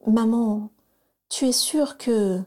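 A woman's voice: fairly high pitch, slow pace, a little mellow, pitched above the performer's own voice. A woman voicing a hesitant, rule-minding girl. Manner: reluctant, unsure.

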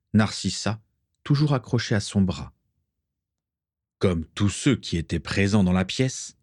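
A man narrating a storybook aloud, his reading expressive and full of movement. His voice sits low, and the pitch rises and falls a great deal. It is recorded close and dry. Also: no room sound. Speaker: audiobook reader.

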